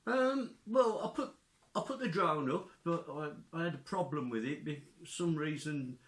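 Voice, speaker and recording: Higher-pitched man, joking vlogger. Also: moderate pace, reverberant. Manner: joking, dry humour. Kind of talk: casual chat and outdoor walk-along commentary.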